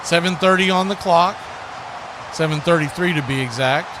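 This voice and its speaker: A man with a slightly high voice provides play-by-play for a live American football stream at a moderate pace. Background noise runs through the stream while he keeps to clipped phrases, turning up the volume for big plays.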